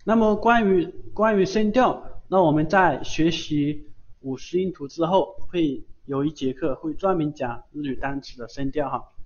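A man's voice: a little high, normal speed, muffled recording. A man teaching a beginner Japanese lesson on a live stream, patiently repeating words for students to echo.

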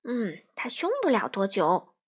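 A woman voicing a calm, clever rabbit who comforts and reassures her friends. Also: fairly high pitch, normal speed, breathy edge. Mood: calm reassuring. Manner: soothing, reassuring.

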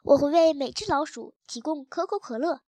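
A woman's voice: high-pitched, expressive, normal speed, dark tone, no echo. A woman voicing a scheming, scaremongering cat. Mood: fearmongering. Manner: scaremongering, mock-worried. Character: scheming pompous male cat.

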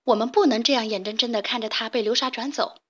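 A woman's voice: a little high, fairly even intonation, fast, lightly acted. A woman voicing an earnest young rooster. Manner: earnest and persuasive. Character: kind brave young rooster.

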